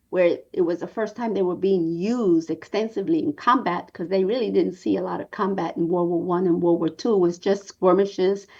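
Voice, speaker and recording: A woman's voice: medium pitch, muffled recording. Earnest woman in her sixties telling a story. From New York. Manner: earnest, measured, with frequent 'um' pauses. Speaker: documentary producer guest. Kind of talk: interview storytelling.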